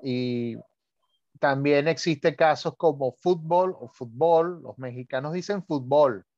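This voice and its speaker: A man with a Venezuelan Spanish accent tells stories in an easy, chatty way, with laughs and little asides. His voice sits a bit high. The recording is dry and slightly dull. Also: unhurried, darkish tone, no room sound. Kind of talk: casual conversation about spelling.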